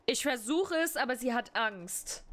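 Excitable woman streamer translating game dialogue. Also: fairly high pitch, unhurried, a little hiss or hum. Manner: excitable, blunt, swears casually. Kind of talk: live gameplay commentary, translating dialogue.

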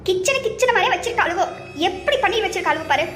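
A woman voicing a nagging old grandmother in a cartoon, grumbling and scolding in a shrill, sped-up voice. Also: expressive, fast talker, reverberant, over music.

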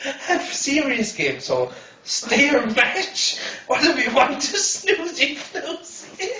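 A woman's voice: high voice, huge pitch swings, slow, sharp tone. A young woman with an Irish accent in a casual chat, teasing and breaking into fits of laughter. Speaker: friend filming a laughing fit. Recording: echoey room, distant mic, noisy.

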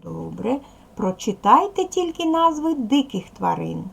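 Woman, teacher, video lesson for kids, unhurried, encouraging, sweeping pitch. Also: big pitch swings, gravelly, fairly bright tone, slightly rough. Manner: patient, encouraging, speaks slowly to children. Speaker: primary school teacher. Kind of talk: recorded video lesson for second graders.

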